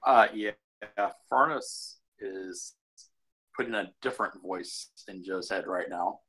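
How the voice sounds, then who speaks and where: Bright, lowish male player voice. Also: slow pace, breathy edge, poor audio. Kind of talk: casual in-character banter.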